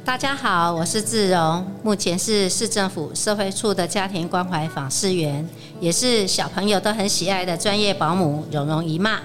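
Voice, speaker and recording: A woman's voice: fairly low pitch, moderate pace, hardly any pauses, faint music behind. Cheerful older woman introducing herself. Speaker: volunteer, home visitor.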